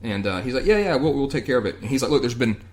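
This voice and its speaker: A man's voice: medium pitch, animated, rapid-fire. A man hosting a podcast, casually recapping a TV episode in a loose, profane way with lots of fillers. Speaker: podcast host.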